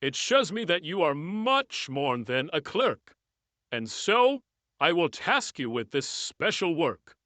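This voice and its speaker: A woman voicing a kindly, grand old Santa Claus from a storybook, with slow, benevolent pronouncements. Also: low voice, very animated, fairly bright tone, dry recording, voice pushed down, exaggerated voice. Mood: warm, approving. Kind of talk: storybook character voice.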